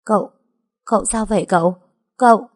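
A woman's voice: mid-range voice, moderate pace, a little mellow, pitched above the performer's own voice, natural voice. A woman voicing a tearful young bride who stammers and pleads. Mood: timid. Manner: stammering, whimpering, repeats words.

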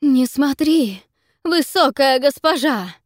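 Female narrator voicing a Gorgon for an audiobook: slow, hissing, seductive whisper, dry booth. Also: on the low side, darkish tone, slightly rough, dry recording. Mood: desperate shout. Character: hissing female Gorgon, dangerous yet protective. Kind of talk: audiobook reading.

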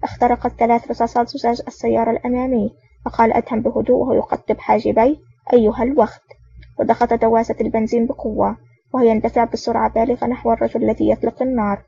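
A woman narrating an action novel as an audiobook with brisk, even reading. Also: on the high side, vocal fry, husky, no echo. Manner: brisk, even reading with small slips and restarts. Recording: dull lo-fi audio.

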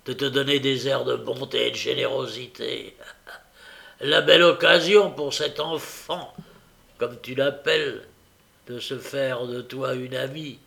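A man's voice: a little high, big pitch swings, moderate pace, creaky, pushed and bright, full character voice. A man reading an audiobook, voicing a brutal male housebreaker who growls threats and scorn. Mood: scornful. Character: brutal grown male housebreaker, snarling and contemptuous. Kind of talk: audiobook character voice.

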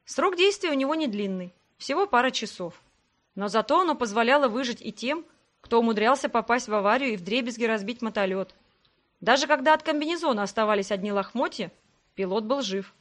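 A woman narrating a fantasy audiobook in the first person, in an even storytelling manner. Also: fairly high pitch, brisk.

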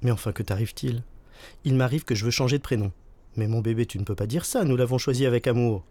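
A man's voice: mid-range voice, quick pace, mellow, natural voice. A man voicing a cheeky seven-year-old boy who fakes a broken English accent, stubborn and pouty.

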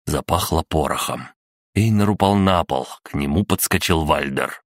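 A man reading a grim fantasy audiobook in a measured, scripted narration. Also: rumbling low, no room sound, studio quality.

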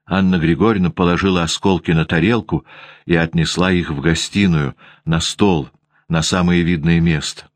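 A man's voice: low voice, steady tone, normal speed, no room sound. A man narrating a classic story as an audiobook reader. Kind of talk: scripted narration.

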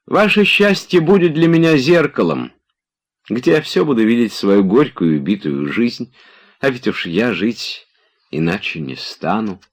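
A man doing a tender, easily moved gentleman. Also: on the low side, husky, pitched above the performer's own voice, full character voice. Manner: emotional, earnest, halting.

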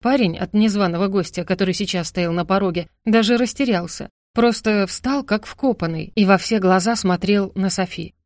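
A woman reads a novel aloud with steady, expressive storytelling. Her voice sits at an ordinary middle pitch, recorded dry and close with no room sound. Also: moderate pace, few pauses, no echo. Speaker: audiobook narrator. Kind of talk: scripted narration of a novel.

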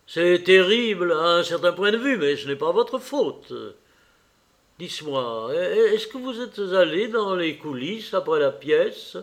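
A worldly, cynical aristocrat, read aloud by a man, speaking with a languid, ironic drawl. His voice sits a little high for a man and unhurried, every line savored. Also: expressive. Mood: teasing. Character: witty worldly English aristocrat, urbane cynic. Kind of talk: audiobook character reading.

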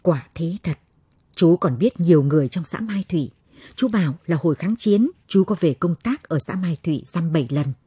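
A woman narrating a story in a slow, measured reading voice. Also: on the low side, animated, warm tone, husky, no room sound.

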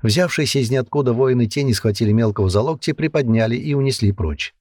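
A man reading an adventure story aloud in a steady, storytelling manner. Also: mid-range voice, quick pace, dry recording, studio quality. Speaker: narrator. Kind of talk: audiobook narration.

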